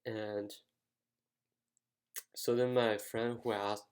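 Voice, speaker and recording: A man's voice: fairly low pitch, level tone, extremely slow, a little mellow, smooth. A young American man telling a story in a casual vlog, rambling and using lots of "like" fillers. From United States. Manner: rambling, heavy use of "like" fillers. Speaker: vlogger.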